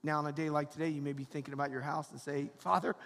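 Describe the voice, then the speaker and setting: A man preaching a homily as a priest, with dramatic pauses, repeated phrases and colloquial asides in a reverberant church. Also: on the high side, little pitch movement. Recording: long church hall reverb.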